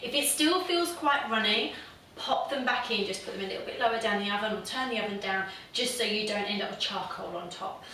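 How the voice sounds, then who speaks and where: A woman's voice: mid-range voice, brisk, bright, forceful tone, distant mic, a little hiss or hum. A woman hosting a casual home cooking demonstration, chatty and self-deprecating, with plenty of fillers. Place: home kitchen. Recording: very echoey room, voice from off the mic.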